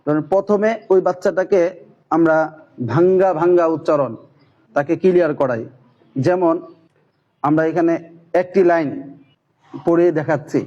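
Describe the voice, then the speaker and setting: A man, a madrasa teacher giving a methodical, steady lesson on reading the Quran. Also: on the high side, muffled recording. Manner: chants Arabic syllables slowly and loudly when demonstrating. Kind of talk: instructional talk on Quran reading.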